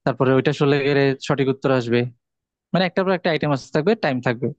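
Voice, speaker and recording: A man teaching a course, patiently explaining exam rules step by step with pauses and hesitations. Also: medium pitch, dry recording, muffled recording. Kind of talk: online class instructions.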